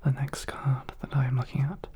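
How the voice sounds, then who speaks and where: A woman doing a soothing whispered role-play as a clinician, guiding the listener softly and close to the microphone. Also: a bass voice, flat delivery, moderate pace, slight background noise. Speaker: ASMR host playing a clinician.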